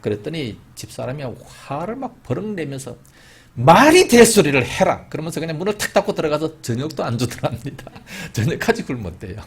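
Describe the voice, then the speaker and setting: A male pastor preaches in a church sanctuary, leading his congregation through a story. His voice sits a bit high for a man and sounds gravelly and husky. His delivery swings widely in pitch and volume. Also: big pitch swings, fast, hardly any pauses. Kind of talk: sermon.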